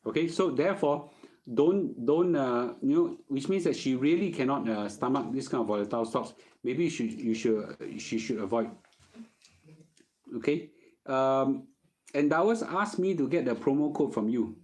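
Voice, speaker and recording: A middle-aged Singaporean man hosts a personal finance Q&A, answering casually in colloquial Singlish and often checking in with "okay?". His mid-range voice has a lively lilt, a darkish tone, and a normal pace.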